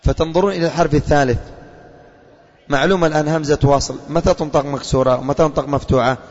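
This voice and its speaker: A man's voice: fairly high pitch, fairly even intonation, racing. A male religious teacher giving a classroom lesson, quizzing his students and repeating their answers back to them. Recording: long reverb, dull lo-fi.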